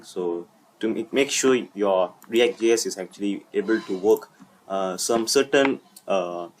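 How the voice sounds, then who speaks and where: A man giving a screen-recorded coding walkthrough, talking haltingly with many fillers and self-corrections. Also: fairly low pitch, slight background noise. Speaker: coding tutorial instructor.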